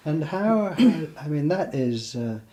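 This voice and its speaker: Halting man interviewing, mellow voice. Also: a little high, very animated. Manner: halting, searching for words.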